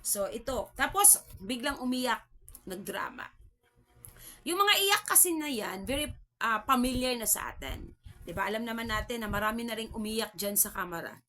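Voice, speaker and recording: A woman's voice: a little high, animated, normal speed, bright, forceful tone. A woman from the Philippines giving casual political commentary on her vlog, chatty, with constant tag questions and mocking laughs. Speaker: vlog host.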